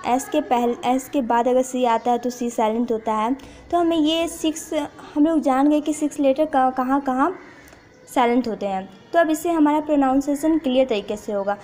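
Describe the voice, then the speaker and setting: भारतीय लहजे वाली एक महिला शिक्षिका, जो धैर्य से नियम दोहराते हुए पाठ समझाती है और अंग्रेज़ी वाक्य धीरे-धीरे पढ़ती है।. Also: female voice, high-pitched, darkish tone. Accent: Indian. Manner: repeats rules patiently, reads English lines slowly. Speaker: English teacher. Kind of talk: slow explanatory lesson.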